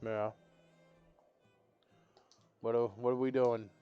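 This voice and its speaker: A man's voice: medium pitch, little pitch movement, slow, smooth, highs cut off, soft background music. Profane, laid-back young male streamer. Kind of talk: casual live-stream chat while gaming.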